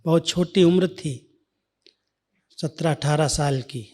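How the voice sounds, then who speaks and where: Man, spiritual speaker, slow and measured, slightly high voice, hushed asides. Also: fairly even intonation. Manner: slow, measured, drops to soft near-whispers. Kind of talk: devotional storytelling talk.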